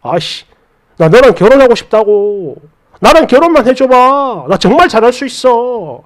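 A blunt, pushy young boyfriend with a high voice that whines and insists, as a male storyteller puts him on. The lines jump around in pitch and stay clingy from start to finish. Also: big pitch swings, normal speed. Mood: whiny.

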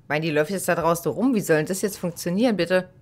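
A woman's voice: lowish voice, fast talker. A middle-aged woman playing a horror game, thinking aloud in casual commentary on a headset mic. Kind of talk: casual let's play commentary.

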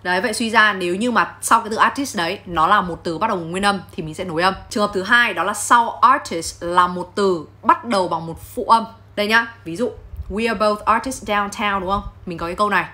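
Woman teacher, bright voice, playful and chatty with viewers. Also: medium pitch, fast talker, hardly any pauses. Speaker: English pronunciation teacher. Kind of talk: casual video lesson.

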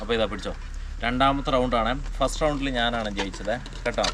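A man's voice: mid-range voice, background noise. A man hosting a family vlog. He explains the rules of a game and teases the other player in a playful, casual way. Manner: playful, teasing, quick rule-explaining. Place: outdoors in the sun.

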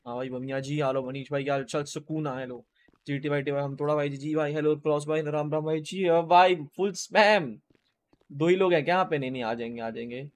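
A man streaming a game, chatting casually with his viewers and greeting them by name, speaking quietly and low-key. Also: fairly even intonation, quick pace. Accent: Hindi.

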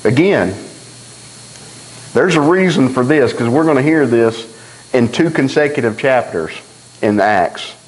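A man preaching a sermon in a church, telling stories in a folksy, animated way and acting out the dialogue. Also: mid-range voice, unhurried, pauses often, low-quality recording. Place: church sanctuary.

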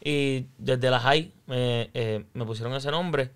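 A man's voice: medium pitch, takes it slowly, fairly bright tone, clean tone. A young man from Puerto Rico with a Puerto Rican accent, chatting as a guest and telling his story, dropping English words into his Spanish. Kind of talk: casual interview storytelling.

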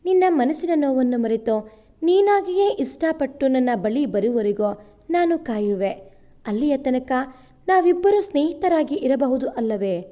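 A woman voicing a gentle, loving young husband who speaks tenderly and reassuringly in a storytelling recording. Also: high voice, lively intonation, measured pace.

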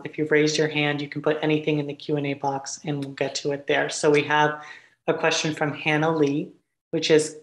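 A woman hosting a bookstore's online event, giving plain, practical instructions for questions. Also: low voice. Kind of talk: event moderation. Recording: roomy video call audio.

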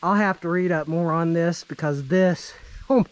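Out in the woods near an abandoned railway, a vlog host in his thirties films on a handheld camera, exclaiming in awe as he casually explores. He speaks at a moderate pace with a slightly high voice.

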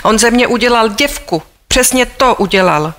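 A woman's voice: a little high, expressive, a bit bright. Woman reading a bitter young housemaid. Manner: blunt colloquial speech, bitter. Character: desperate, hungry young working-class housemaid. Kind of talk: audiobook character voice.

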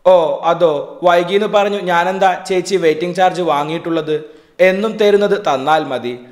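An easygoing young rickshaw driver, read by a man in a storybook reading. The voice sits a little high and plain. The room rings with echo. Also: normal speed, lightly acted. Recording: echoey room.

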